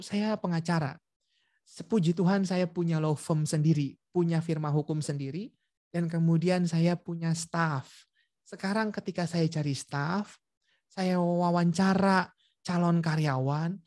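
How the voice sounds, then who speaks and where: A man's voice: fairly high pitch, unhurried, no room sound. Dry-voiced male preacher telling a story. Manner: lively storytelling, acting out dialogue; addresses listeners directly. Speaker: guest preacher at a prayer meeting. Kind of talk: sermon with a personal story. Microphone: video call.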